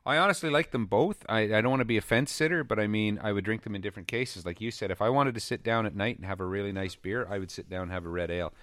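A man's voice: on the low side, fast, few pauses, fairly bright tone, dry recording, studio quality. A man co-hosting a casual podcast, chatting about beer and ranting bluntly about pet peeves. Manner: blunt, grumbling, exasperated in rants. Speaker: podcast co-host. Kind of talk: casual beer-tasting chat and comic rant.

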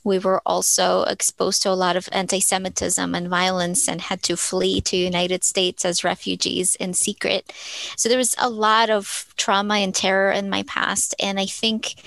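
A woman from Ukraine, a therapist and author, answering interview questions in an earnest, reflective way with thoughtful pauses. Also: mid-range voice, level tone, vocal fry, fairly bright tone, no room sound.

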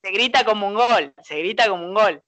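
Excitable Rioplatense man hosting a podcast. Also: high voice, brisk. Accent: Rioplatense Spanish. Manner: excitable, steers the talk, frequent restarts. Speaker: podcast host. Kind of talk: casual podcast chat.

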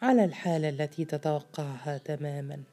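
Woman doing a careful polite clever guy, low warm voice, storybook. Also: fairly quick. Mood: guarded. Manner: polite and guarded. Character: wary, clever adult man. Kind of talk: audiobook story reading.

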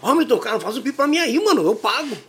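A man's voice: extremely high pitch, sing-song, rapid-fire, a bit bright, husky, voice pushed up, exaggerated voice. A man voicing an eager young neighborhood boy who begs for a kite in street slang. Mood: eager pleading. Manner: pleading, slangy.

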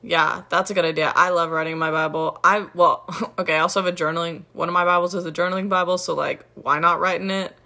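Gravelly, bright-toned young woman co-host. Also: on the low side, fairly even intonation. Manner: quick, giggly, agreeable. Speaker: podcast co-host. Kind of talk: casual chat.

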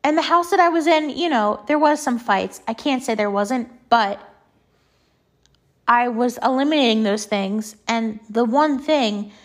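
A young woman in her late teens with a congested, stuffy-nosed voice, chatting casually and confidingly in a personal monologue, with halting, filler-heavy phrasing. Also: fairly high pitch. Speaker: podcast host.

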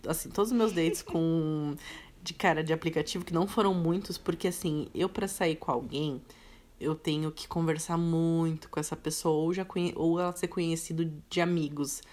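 A woman's voice: deep voice, moderate pace. A young woman, chatting casually and using slang while she jokes at her own expense. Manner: relaxed, slangy, self-deprecating. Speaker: podcast co-host. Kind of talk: casual chat.

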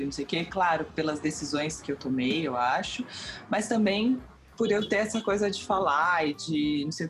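A Brazilian woman, a TV presenter, telling stories animatedly in a casual interview and acting out the dialogue, with faint music underneath. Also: sits low. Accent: Brazilian Portuguese. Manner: animated storyteller, acts out quoted dialogue.

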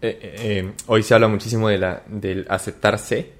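A male podcast host with a somewhat low voice chats in a relaxed, slangy way. He keeps checking in with his listener as he talks. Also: moderate pace. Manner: loose, slangy, keeps asking "¿me entiendes?". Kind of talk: casual conversation.

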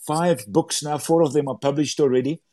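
An author and Bible translator whose first language is Afrikaans speaks accented English as a guest in a casual interview about his books. His voice is slightly high, a little fast, and dark in tone. Enthusiastic, he keeps stumbling, repeating himself, and starting sentences over.

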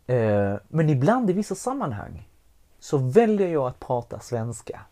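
A man speaking at an ordinary middle pitch, candid and animated as he tells a personal story. He swears freely and carries the conversation. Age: adult with young child.

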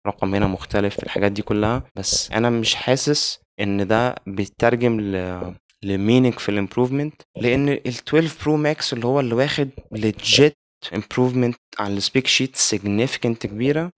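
Quick Egyptian man blending English into Arabic. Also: medium pitch, no room sound, studio quality. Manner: mixes English words and phrases into Arabic. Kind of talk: casual tech discussion.

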